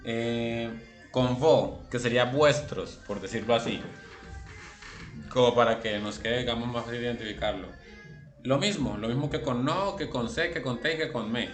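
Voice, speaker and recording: A man's voice: medium pitch, moderate pace, reverberant, soft background music. A man teaching a language class online, explaining rules step by step and calling on students by name.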